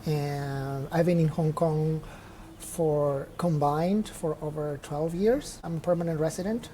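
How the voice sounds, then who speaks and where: A man's voice: fairly high pitch, unhurried, mellow, slight background noise. A young man from Mexico, a trail runner guest in a casual interview, talking openly and reflectively with restarts as he thinks. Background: faint chatter of people nearby.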